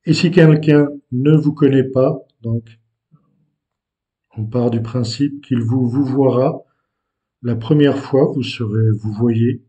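A man teaching vocabulary to learners, patient and explaining with hesitant pauses. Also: medium pitch, warm tone, dull audio. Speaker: language teacher.

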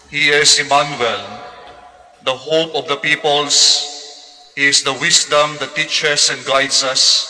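Brief: young Filipino male priest, measured liturgical prayer, bright tone, reverberant church. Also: fairly high pitch. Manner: measured, solemn intoning. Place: large church. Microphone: lectern microphone.

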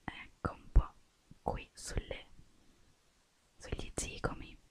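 Slow, soft-whispering woman. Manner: soft whispering, gentle step-by-step instructions to the listener. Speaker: makeup artist in a roleplay. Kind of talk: whispered ASMR roleplay.

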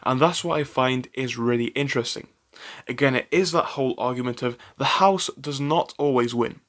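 A man's voice: medium pitch, moderate pace. A man hosting a stock commentary channel, talking in a chatty, opinionated way with frequent fillers and restarts. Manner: chatty, animated, with frequent fillers and self-corrections.

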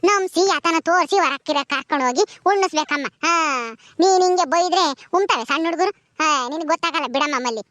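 A woman playing an older village woman, gently coaxing a crying child and chiding its mother. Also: extremely high pitch, fast, no room sound. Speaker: actor in a village drama. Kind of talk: village skit acting.

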